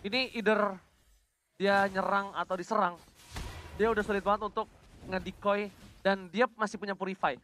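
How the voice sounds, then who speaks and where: An Indonesian man shoutcasting esports in a fighting game announcer style, with dramatic play-by-play calls. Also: sits high, steady tone. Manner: dramatic, drawn-out exclamatory calls.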